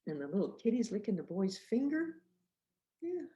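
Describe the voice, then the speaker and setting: A woman author reading her picture book aloud to young children, gently and slowly, inviting them to repeat the words. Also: mid-range voice, sing-song. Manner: gentle, slow, coaxing, inviting kids to repeat.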